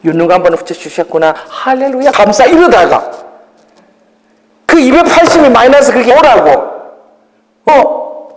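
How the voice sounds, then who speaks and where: A female pastor preaches with a lively, up-and-down delivery, moving from loud exclamations to quiet asides and laughing at herself. She tells her own stories as testimony. Her voice rings out with a long reverb from the church hall. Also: a little high, normal speed, pauses often, a little hiss or hum. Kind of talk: sermon with personal testimony.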